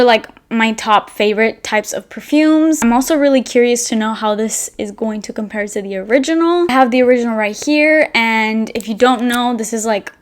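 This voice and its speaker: A young woman giving a casual, chatty product review to camera in informal speech peppered with filler words like "like" and "literally". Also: fairly high pitch. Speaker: perfume review vlogger.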